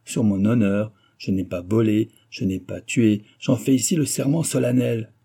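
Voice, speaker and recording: A man's voice: fairly low pitch, normal speed, creaky, mellow, slightly rough. A man voicing an accused man who protests his innocence in a theatrical, pleading way. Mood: solemn pleading.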